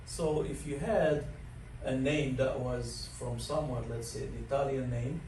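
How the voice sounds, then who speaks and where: A little slow and steady in tone, this Moroccan man in his sixties speaks in a medium-pitched, darkish voice. As a dining director being interviewed about his life, he rambles, chuckles often, and uses many fillers, and the sound comes from afar in an echoey learning center room with faint noise.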